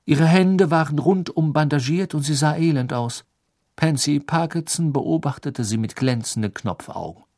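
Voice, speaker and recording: A man reading a storybook aloud as narrator, in an expressive, even voice. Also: fairly high pitch, normal speed, no room sound, studio quality. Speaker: audiobook narrator.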